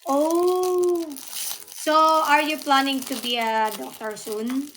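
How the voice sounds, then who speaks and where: A woman with a Filipino accent hosting a casual live stream, giggly and mixing Tagalog into halting English. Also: sits high, lively intonation, slight background noise. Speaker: livestream host.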